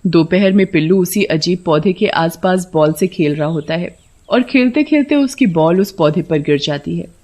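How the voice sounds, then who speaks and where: A woman narrating an animated horror story in a steady storytelling voice. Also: fairly low pitch, moderate pace.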